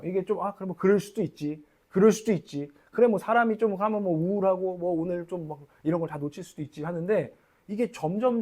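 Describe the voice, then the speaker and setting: A man's voice: sits high, warm tone. A young man preaching a sermon as a church pastor, candid and confessional, acting out his own inner voice.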